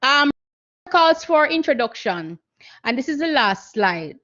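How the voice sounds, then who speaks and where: A woman's voice: high voice, very animated, a little slow, fairly bright tone. A woman giving an earnest, instructive seminar talk on public speaking and voice training over a video call, often repeating her key points. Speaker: guest speaker. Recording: muffled video-call audio.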